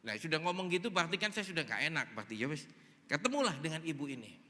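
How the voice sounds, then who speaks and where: A man's voice: fairly high pitch, sing-song, racing, pushed and bright. A male pastor preaching a sermon, telling a story animatedly and acting out the dialogue. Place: large church hall. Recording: long reverb in a large hall.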